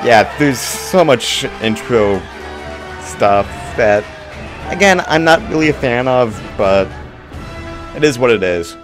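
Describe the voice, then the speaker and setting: A man's voice: medium pitch, expressive, slow pace, long pauses, over music. A man giving dry, wry asides while reacting to a video. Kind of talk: casual reaction commentary.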